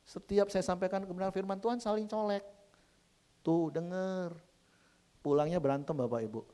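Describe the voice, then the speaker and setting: A man preaching a lively, humorous sermon, often addressing the congregation and acting out quoted couples. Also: sits high, rapid-fire. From Sumatra. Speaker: pastor.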